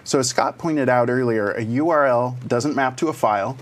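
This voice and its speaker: A man co-presenting a programming course, explaining slides step by step in a relaxed way with dry humor. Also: mid-range voice, moderate pace. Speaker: co-presenter of a web development course. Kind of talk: casual technical explanation.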